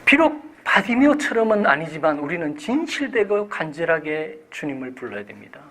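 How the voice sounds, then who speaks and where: Man, pastor, sermon, raised voice, hushed-to-loud swings, asks and answers questions. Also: a little high, very animated, moderate pace, rough recording. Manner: dynamic preaching, swings from hushed to loud emphasis.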